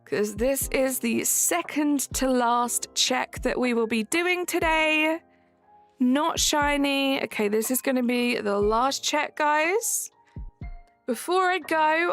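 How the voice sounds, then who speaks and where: With a high, slightly bright voice, a young woman chats her way through a live-streamed game, reading and answering viewers' chat messages as she goes. Faint background music plays.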